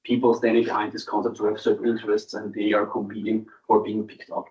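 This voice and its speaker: A man giving an academic thesis defence presentation in a hesitant, halting way, with frequent ums. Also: fairly low pitch, monotone, darkish tone. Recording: distant mic, dull muffled sound.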